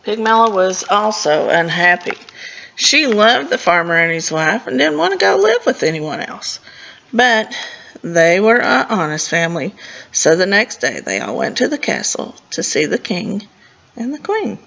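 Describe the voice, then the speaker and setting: The audio is dull as a woman with a mid-range, gravelly voice reads a picture book a little slowly. A librarian at storytime, she reads expressively, sometimes stumbling and commenting casually on the pictures for the children.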